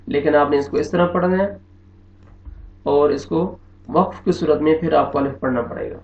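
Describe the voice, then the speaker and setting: In an online lesson on reading the Quran, a Pakistani teacher with an Urdu accent goes slowly, repeating every word and explaining with patience. His slightly high voice has a gravelly edge. Room echo and a dull, lo-fi quality mark the sound.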